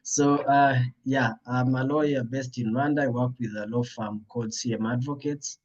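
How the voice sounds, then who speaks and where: A man with an East African accent speaking haltingly and hesitantly in an unscripted panel discussion on a video call. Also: medium pitch, steady tone. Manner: halting, hesitant delivery with frequent long pauses. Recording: dull lo-fi online call audio.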